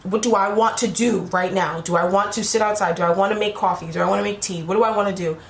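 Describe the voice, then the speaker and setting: A woman with a medium-pitched, fairly even voice talks fast with vocal fry as she gives her viewers a casual tarot reading. She's losing her voice and rambles, tossing in "right?" and "you know?" to the viewer again and again. The room is echoey, with faint ambience.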